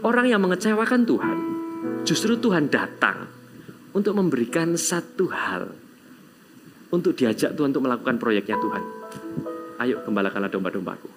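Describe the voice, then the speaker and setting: A man preaching a sermon as pastor, telling stories with sudden loud exclamations and quiet asides. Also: fairly high pitch, big pitch swings, normal speed, long pauses, music in the background.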